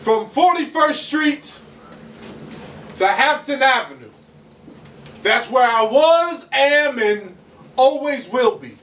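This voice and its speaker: A man's voice: extremely high pitch, expressive, slow, long pauses, fairly bright tone, a little hiss or hum. A young man performing a rhythmic, emphatic spoken word poem on a small bar stage, caught on a stand mic by a distant camera. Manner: rhythmic, emphatic delivery with big arm gestures. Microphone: stand mic, far camera. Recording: roomy echo from far off.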